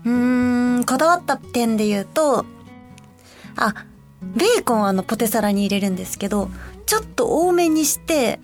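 A woman's voice: a little high, animated, moderate pace, soft background music. A young woman from Osaka hosting a casual radio show, chatting in a friendly way and thinking aloud between listener letters. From Osaka, Japan.

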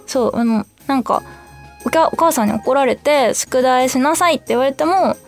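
A woman's voice: high-pitched, normal speed, vocal fry, soft background music. Bubbly young woman hosting a radio show. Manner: chatty and bubbly, acting out quotes. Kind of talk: casual solo free talk.

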